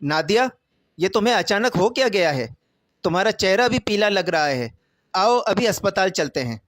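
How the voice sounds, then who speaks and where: Earnest devoted young husband, firm, high-pitched voice, dry sound, played by a male narrator. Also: animated, fairly bright tone, no echo. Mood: worried.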